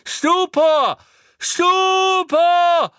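Man doing a shouting, defiant teenage boy. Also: very high-pitched, extremely slow, no echo, studio quality, voice pushed up, exaggerated voice. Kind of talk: audiobook character voice.

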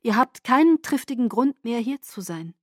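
A woman's voice: fairly high pitch, animated, moderate pace, dry recording, studio quality, voice pushed up. Woman voicing a stammering, remorseful vampire woman. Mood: resolute, remorseful. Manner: hushed and stammering. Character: frightened, remorseful female vampire.

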